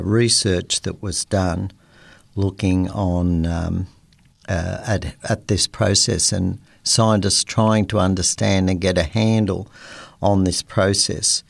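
An older man hosting a science-and-faith program, talking slowly and haltingly with many fillers and restarts. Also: low voice, gravelly, no room sound. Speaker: radio host. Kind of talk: unscripted talk about science and faith.

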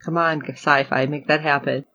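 A woman's voice: deep voice, steady tone, moderate pace, pushed and bright, muffled recording. A woman co-hosting a podcast, recapping a TV episode in casual chat and acting out her own reactions. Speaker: podcast co-host.

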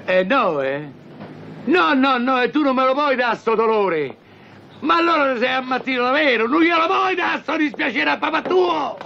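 An actor playing a loud, bossy football-fan father who organizes the bar's supporters, talking with a Roman accent in hectoring rhetorical questions. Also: very high voice, very animated, normal speed, a little hiss or hum, exaggerated voice. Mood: blustering. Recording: dull lo-fi film soundtrack.

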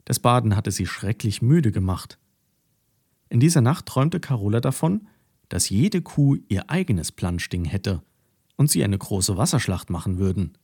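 A man narrating a children's story, expressive and warm in telling. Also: lowish voice, normal speed, slightly rough, no room sound, clean studio sound. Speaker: audiobook narrator.

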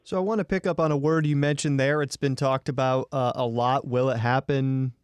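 A man's voice: medium pitch, fairly even intonation, a little fast, smooth, no echo, clean studio sound. A man interviewing a guest on radio news, asking direct, plain questions.

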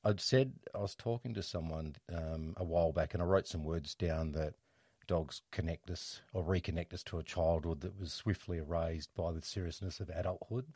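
A middle-aged man telling a personal story as an interview guest, reflective and halting, restarting his sentences often. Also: deep voice, fairly even intonation, darkish tone, breathy edge, dry recording, clean studio sound.

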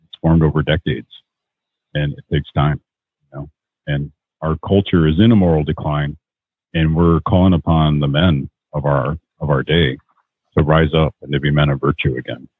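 Deep, husky man on a call. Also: steady tone, normal speed, no echo. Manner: earnest, exhorting. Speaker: podcast host. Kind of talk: motivational podcast talk. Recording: tinny phone-like call audio.

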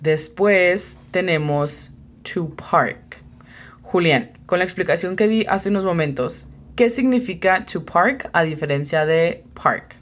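A woman with a lowish, expressive voice hosts a bilingual English lesson podcast as a language teacher. Speaking at a measured pace with few pauses, she patiently explains vocabulary to a beginner, spells words out and encourages her student.

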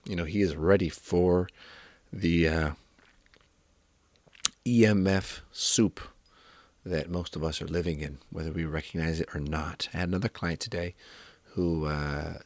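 A man talking as a wellness coach in a reflective monologue, gentle and affirming, often checking in with the listener with "right?". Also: sits low, dry recording.

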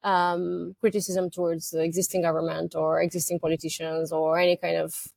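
A woman's voice: on the low side, little pitch movement, brisk, creaky, a little mellow, dry recording. A woman from Romania with a Romanian accent, a company co-founder speaking as an interview guest in a thoughtful, hesitant way, with many fillers and restarts. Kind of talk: conversational interview.

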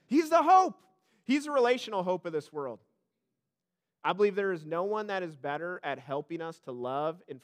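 A male pastor preaching a sermon, swinging between loud bursts and hushed low lines, calling out to the congregation and tossing in playful asides. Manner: calls out to the congregation for response.

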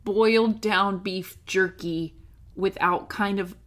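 A chatty woman co-hosting a relaxed podcast conversation, laughing easily between points. She talks at an everyday middle pitch and explains things in a loose, conversational way. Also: slow. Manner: laughs often, chatty and joking; explains food history from notes. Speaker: podcast co-host. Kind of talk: casual chat.

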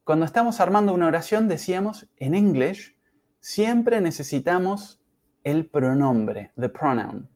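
Guy teaching english on a podcast, real slow and patient, says everything twice. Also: on the high side, animated, a little mellow. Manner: patient, repeats words slowly for learners. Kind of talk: podcast language lesson.

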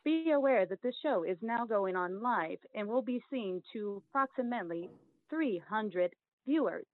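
एक महिला phone call पर कंप्यूटर जैसी रोबोटिक आवाज़ में औपचारिक, सपाट घोषणाएँ करती है।. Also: female voice, medium pitch, moderate pace, natural voice. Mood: formal. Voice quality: flat, formal, clipped announcer prompts. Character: female automated phone-system robot voice, formal. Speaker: caller. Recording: tinny phone line.

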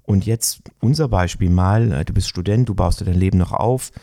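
A middle-aged man speaks in a reflective, searching way, often pausing on fillers as he thinks aloud. His voice sits a little low and sounds mellow. The recording is dry and close. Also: gravelly, no room sound. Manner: thoughtful, searching, with many fillers. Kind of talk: reflective conversation.

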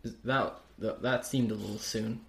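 A man co-hosting a podcast with his brother, teasing and making quick jokes. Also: fairly low pitch, steady tone, gravelly, reverberant. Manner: teasing, wisecracking. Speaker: podcast co-host. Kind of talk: casual chat.

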